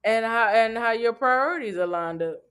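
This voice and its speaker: A man's voice: very high-pitched, animated, moderate pace, pushed and bright, clear, resonant tone. A man hosting a casual podcast, laid-back and repeating phrases as he builds a point. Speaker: podcast host. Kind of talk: casual podcast chat about reentry.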